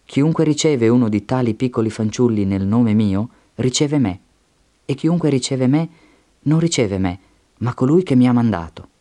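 A man voicing a stern male teacher, reading his words in a solemn, measured way. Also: mid-range voice, expressive, dark tone, close to an everyday voice.

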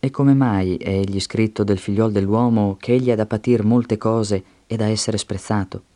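A man voicing a stern male teacher, reading his words in a solemn, measured way. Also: fairly low pitch, fairly even intonation, warm tone, natural voice.

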